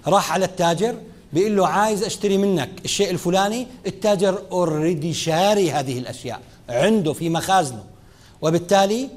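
Rapid, lively lecturer, a man. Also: sits high. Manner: lively teaching, speaking straight to students, mixing formal and dialect Arabic. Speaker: lecturer on Islamic finance. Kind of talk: classroom lecture.

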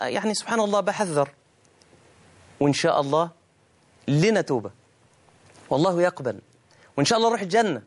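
A middle-aged Egyptian-accented man delivers a sermon in a fairly high-pitched voice. He is emphatic and drawn out, lifting his tone for scripture and answering his own imagined questions. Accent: Egyptian Arabic. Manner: emphatic, slows and rises for scripture, plays both sides of a dialogue. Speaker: preacher.

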